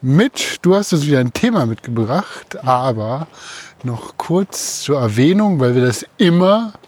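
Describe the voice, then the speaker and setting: Man, mid-pitched, co-hosting a casual podcast while on a walk outside. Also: big pitch swings, unhurried, a little mellow. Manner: talking while walking. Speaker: podcast co-host. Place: outdoors, walking through city parks.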